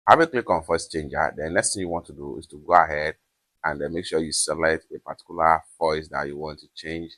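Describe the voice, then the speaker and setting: A man's voice: very deep voice, fairly quick, a bit bright. A man presenting a phone app tutorial, talking through each step in order and leaning on the same stock phrases again and again. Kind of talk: screen-recorded app tutorial.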